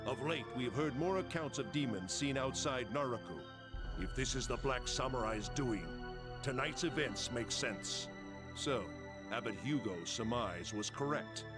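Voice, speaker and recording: A man's voice: medium pitch, animated, unhurried, loud music behind the voice, natural voice. An actor playing a formal, authoritative male samurai commander in a video game. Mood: grave, thoughtful. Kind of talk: dramatic game voice acting.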